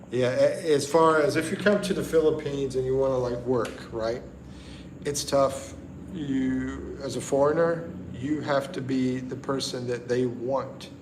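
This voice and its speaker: Steady background noise and room echo fill this nighttime livestream, recorded indoors at the host's home in the Philippines. He's a middle-aged man from the Carolinas with a medium pitch, chatting easily but haltingly, with frequent ums and restarts, as he goes through viewer comments.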